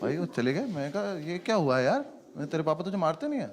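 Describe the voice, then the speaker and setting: A young adult man doing stand-up, telling an animated story and laughing through his lines on a stage before a live audience. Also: fairly high pitch, fast talker. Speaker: stand-up comedian. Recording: loud noise over a stage recording.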